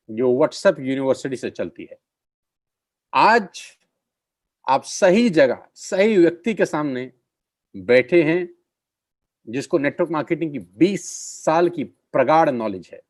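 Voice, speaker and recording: A man's voice: a little high, animated, measured pace, dry recording. Man, middle-aged, persuasive presenter, repeats phrases for emphasis, dry recording. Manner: addresses listeners as friends. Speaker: network marketing presenter. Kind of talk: business opportunity presentation.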